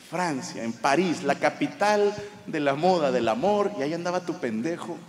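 On a big theater stage, a high-voiced Mexican comic performs a stand-up set in Mexican-accented Spanish, spinning vulgar, profanity-laced stories animatedly while the audience laughs. The live recording carries a noisy background and the echo of a large hall.

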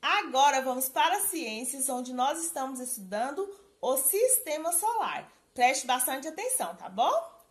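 Slow sing-song woman teaching children. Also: high voice, big pitch swings. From Brazil. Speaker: primary school teacher. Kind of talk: recorded remote lesson for children.

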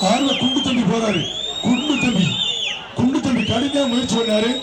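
A man announcing a live bull-taming event through a megaphone or loudspeaker, with loud, rapid calls and repeated phrases. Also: extremely high pitch, fairly even intonation. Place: outdoor bull-taming arena with crowd. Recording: echoing loudspeaker outdoors, crowd noise.

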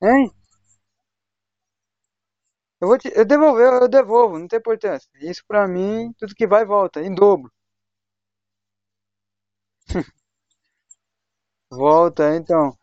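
A man's voice: high-pitched, a little slow, long pauses, darkish tone, dry recording. Young man from Brazil, livestreaming games, chatty and full of slang, dry lo-fi home mic. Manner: slangy, chatty, talks to voice chat while playing. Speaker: gaming livestreamer. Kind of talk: casual live gaming chat. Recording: dull, lo-fi home stream mic.

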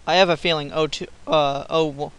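A young man giving casual, silly commentary over his own gameplay, swearing often and breaking into yells. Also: on the high side, steady tone, normal speed, smooth, poor audio. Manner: swearing, silly, bursts of yelling. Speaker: gamer recording gameplay.

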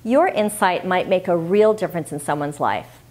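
A woman's voice: fairly low pitch, moderate pace, a little mellow. A woman hosting a health tips video, speaking to camera in an emphatic, scripted style full of rhetorical questions.

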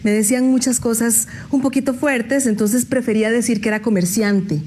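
A young woman with a high voice performs stand-up comedy on a stage. She talks chattily and slips into the people she quotes. A faint hum of ambience sits behind her. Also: fairly even intonation, moderate pace, a little mellow. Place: stage before a live audience.

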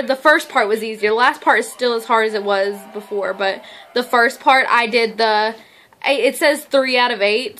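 Bright-voiced young woman vlogger. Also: a little high. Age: young adult. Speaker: vlogger giving daily fitness updates. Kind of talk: casual chat to camera. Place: living room at home, on a couch. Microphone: camera or phone at arm's length. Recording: noisy home phone-style recording, clicks. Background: noise, small child playing nearby.

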